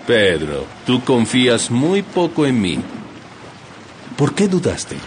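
An actor playing Jesus in a dramatized audiobook, a calm, gently commanding grown man. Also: medium pitch, slow, a little hiss or hum. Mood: rebuking gently. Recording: dramatized audiobook with music behind.

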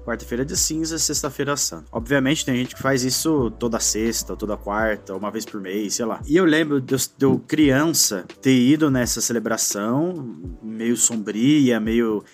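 With faint music in the background, a forties-aged Brazilian Portuguese–accented co-host tells a childhood story in a relaxed, thoughtful way. He keeps a mid-range voice, moderate pace, and few pauses, often slipping in a questioning "né" and letting thoughts trail away.

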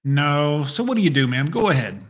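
A man with a fairly high voice delivers blunt, crude commentary. He mocks and scolds without holding back. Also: sing-song, brisk, a little hiss or hum. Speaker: commentator reacting to a radio clip. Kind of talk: profane reaction commentary.

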